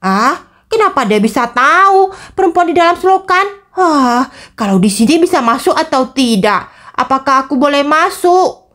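A woman's voice: high-pitched, lively intonation, normal speed, a bit bright. A woman voicing a selfish, mischievous young boy who sulks and mutters to himself in a story told over a game. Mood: puzzled.

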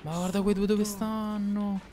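A young man, bantering excitably while playing a racing game and yelling at the race. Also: sits high, a little slow, faint music behind. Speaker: gamer. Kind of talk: casual gaming banter.

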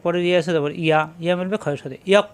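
A man teaching Quran reading, spelling each syllable aloud and then chanting the joined words in a slow, drawn-out tune. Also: sits high, smooth. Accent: Bangladeshi Bengali. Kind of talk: slow letter-by-letter recitation lesson.

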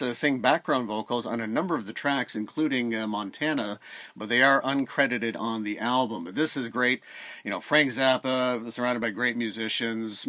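A man's voice: medium pitch, pushed and bright. A middle-aged man talking casually about records at home, rambling with many fillers, close to the camera. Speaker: record collector vlogger. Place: home room with shelves of records. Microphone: camera at close range.

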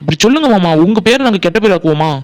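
A persuasive young villager from a family cartoon, voiced by a man, who talks very fast in a high, smooth voice. He pleads with the family and reassures them. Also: expressive. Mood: pleading. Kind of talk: Tamil cartoon voice acting.

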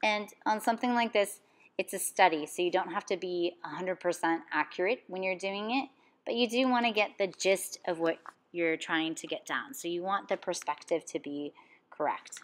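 A woman art teacher giving calm, step-by-step instructions in a drawing lesson voice-over. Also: on the low side, normal speed.

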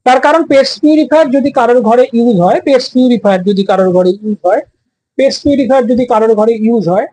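A man talks as a bird breeder in an emphatic, repetitive storytelling style. His voice sits high for a man. The sound is close and dry, with no room echo. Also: a little mellow. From West Bengal, India. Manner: emphatic, repeats phrases, many restarts. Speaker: bird breeder and product maker. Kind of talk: casual storytelling monologue.

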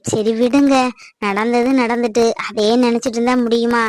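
A woman's voice: on the high side, fairly even intonation, moderate pace, a little mellow, no room sound, natural voice. A woman playing a coaxing middle-aged mother in a family drama skit. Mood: pleading. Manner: coaxing, earnest. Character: pleading middle-aged mother, soft and conciliatory.

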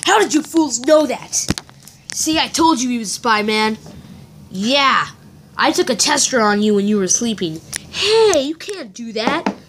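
A woman's voice: fairly high pitch, measured pace. A woman improvising a toy-figure play, voicing every character and whispering prompts to a partner. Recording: steady background hiss.

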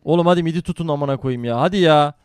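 Man, game streamer, excitable and profane, bright clean voice, dry close sound. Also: fairly high pitch, fast talker, smooth, no room sound. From Turkey. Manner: brash, profane, excitable banter with chat. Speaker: live streamer. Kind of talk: live gaming stream commentary.

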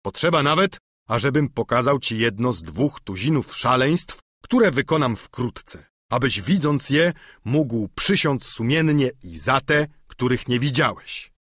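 A man reading a storybook, voicing a solemn, lovesick old knight who speaks slowly and declaims. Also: mid-range voice, lively intonation, fairly bright tone, no echo, clean studio sound. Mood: grandiose. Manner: slow, grave, declamatory. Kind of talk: audiobook character reading.

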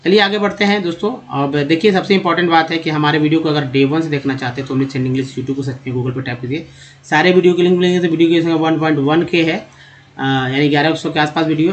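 A man whose voice sits on the high side teaches English pronunciation in a video, speaking with a Hindi accent. Calling his viewers friends, he goes over words slowly and repeatedly.

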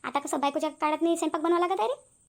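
A woman's voice: high-pitched, very fast. A woman voicing a quarrelsome middle-aged mother-in-law in a cartoon, nagging and accusing. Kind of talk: cartoon voice acting.

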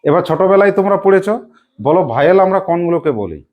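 Low-voiced woman teacher from Purulia. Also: lively intonation, racing, a crowd in the background. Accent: Purulia Bengali. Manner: call-and-response, prompting pupils to answer aloud. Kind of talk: classroom lesson.

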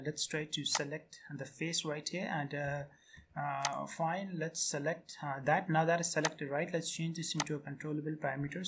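A man narrating a screen-recorded software tutorial in quick, repetitive step-by-step phrases. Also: a little high. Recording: noisy home recording.

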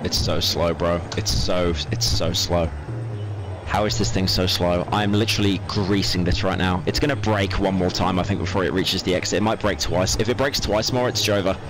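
Young guy streaming a game, panicky and sweary, lowish voice, game music going. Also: fairly even intonation, moderate pace. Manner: panicky, swearing, repeating words under stress. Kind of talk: live gameplay commentary.

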